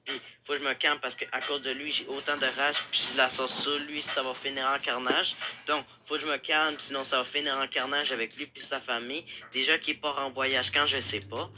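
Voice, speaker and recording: A man's voice: mid-range voice, fairly quick, noisy background. A young man with a Québécois French accent, rapping angrily over a beat with a lot of swearing. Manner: flat, angry, profane delivery. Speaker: rapper. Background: loud music beat.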